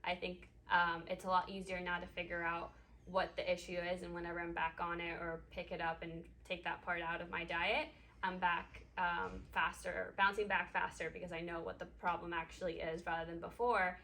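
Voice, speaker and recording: A woman in her twenties from Ecuador, a patient talking casually in an interview and pausing often with um. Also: fairly low pitch, completely flat delivery, pushed and bright. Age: 20s. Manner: hesitant, many ums. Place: clinic room.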